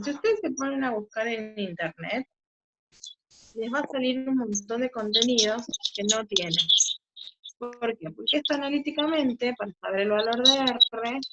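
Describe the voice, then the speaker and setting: A woman teaching a physics class over a video call, explaining step by step and often checking in with the students. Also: fairly high pitch. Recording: muffled video-call audio, faint noise.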